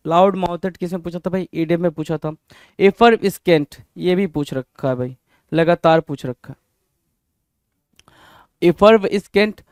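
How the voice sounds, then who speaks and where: A vocabulary teacher with a high, smooth, resonant voice leads an exam-prep lesson, peppering students with rhetorical questions and drilling every word. The recording is close and dry.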